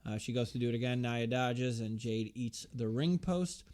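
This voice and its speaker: A man in a casual podcast chat walks through a wrestling match move by move. His voice sits at an ordinary middle pitch, and he keeps dropping dry, sarcastic remarks between the moves. He uses plenty of "uh" and "like" and keeps it relaxed. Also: normal speed. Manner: loose play-by-play recap, frequent fillers, sarcastic asides. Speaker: podcast co-host recapping wrestling.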